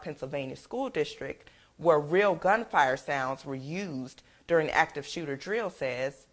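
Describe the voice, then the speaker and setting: Female news anchor, lowish voice, steady read-out delivery.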